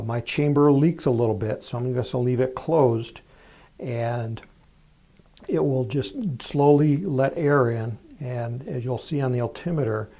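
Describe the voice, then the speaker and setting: Man, medium pitch, fry in the voice, casual demo narration, plain-spoken tutorial presenter. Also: mellow. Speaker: presenter of hobby rocketry tutorial. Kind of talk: casual hands-on demonstration narration.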